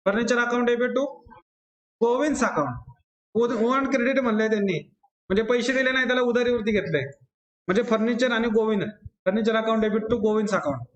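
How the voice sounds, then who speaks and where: A man's voice: very high voice, moderate pace, a bit bright, dull audio. A man with a Marathi accent teaching accountancy to a class, repeating rules and calling on students by name. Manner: drills rules by repetition, quizzes students by name. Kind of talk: classroom lecture. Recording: echoey classroom.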